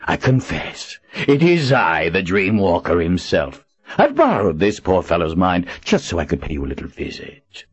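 A male narrator voicing a menacing possessed man in an audiobook, deep and gravelly, slow and taunting. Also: huge pitch swings, dry recording, lo-fi sound, full character voice. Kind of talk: audiobook character voice.

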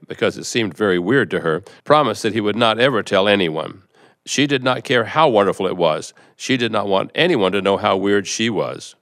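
Calm patient spirit teacher, read by a man, low voice, measured, keeps explaining. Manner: measured, explanatory, repeats "in other words". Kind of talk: reading a seminar transcript aloud.

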